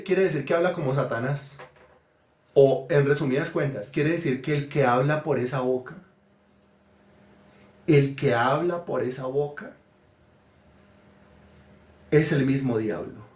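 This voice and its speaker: A man's voice: fairly high pitch, echoey room. A man preaching an interactive sermon, asking questions and praising the answers. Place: church hall.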